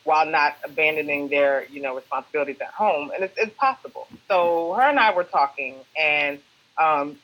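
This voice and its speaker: Ugandan-born woman guest, bright voice, lively storyteller on a video interview. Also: deep voice, normal speed, rough recording. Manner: animated, expressive storytelling. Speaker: guest, personal brand strategist and author. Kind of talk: casual interview answers.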